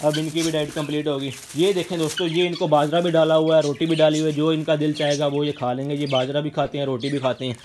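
Man, fast chatty outdoor pet vlog, slightly high voice, faint background noise. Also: level tone, darkish tone. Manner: fast, chatty, coaxing animals with repeated calls. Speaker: pet vlogger. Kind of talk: casual outdoor vlog narration. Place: outdoor yard with bird cages, aircraft passing overhead.

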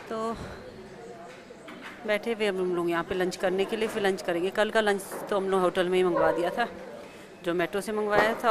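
A woman vlogging casually in a soft voice, a little short of breath, speaking into a small clip-on mic. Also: fairly low pitch. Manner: speaks softly after surgery, short of breath. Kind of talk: casual vlog narration.

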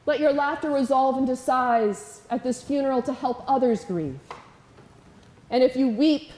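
A woman giving a funeral sermon in a large church, preaching in a measured, rhythmic way with repeated calls to her listeners. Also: sits high, darkish tone. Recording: echoey church room.

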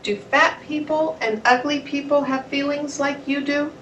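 A woman voicing a calm, wise old male turtle in a children's storybook, asking gentle, unhurried questions. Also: high voice, reverberant, recorded from a distance, lo-fi sound, slight background noise, pitched above the performer's own voice.

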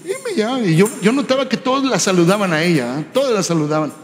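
A man preaching a sermon, telling a personal story in a conversational way and often tagging his lines with a quick question. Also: high voice, lively intonation. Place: church hall. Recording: reverberant church hall, faint background noise.

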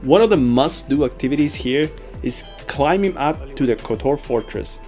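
A man's voice: medium pitch, lively intonation, normal speed, warm tone. Easygoing young man narrating a travel vlog. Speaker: travel vlogger. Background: background music.

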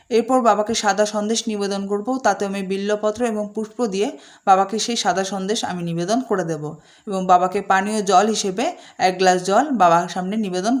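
Calm woman teaching a puja. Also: medium pitch. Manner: calm, measured, slows down to chant mantras. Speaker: puja instructor. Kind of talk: step-by-step ritual instruction with chanted mantras.

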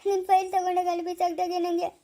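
A woman voicing the ghost of a wronged young woman who speaks softly and pleads. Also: extremely high pitch, completely flat delivery, fast talker, pitched above the performer's own voice. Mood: sorrowful.

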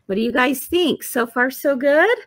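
Hosting a live embroidery demo and sales show, this woman talks at normal speed in a high, a bit bright voice with lively intonation. Her casual, enthusiastic chat feels like home shopping TV as she checks in with viewers, and there is slight background noise.

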